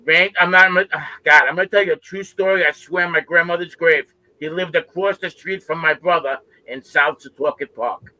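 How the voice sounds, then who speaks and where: A man chatting casually and excitably, insistent and slangy, often repeating himself. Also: on the high side, brisk, few pauses, no echo, low-quality recording.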